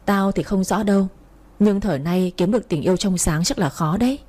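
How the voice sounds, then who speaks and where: A woman's voice: mid-range voice, a little fast, a little mellow. A woman narrating a first-person story in a blunt, wry way.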